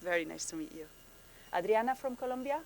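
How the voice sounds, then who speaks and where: A woman program manager, presenting warmly at a conference from a conference room, keeps halting with fillers and restarts. Her medium-pitched voice is expressive and a little mellow, with vocal fry, over a slight hiss or hum.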